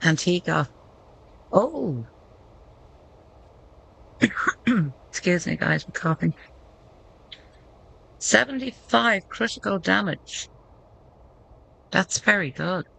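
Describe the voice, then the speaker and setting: A woman talks through her gameplay at a slow, easy pace, reading menu text aloud as she thinks. Her voice is bright and tense, with a gravelly fry underneath. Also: fairly low pitch, expressive, poor audio. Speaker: gameplay commentator. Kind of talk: casual gameplay commentary.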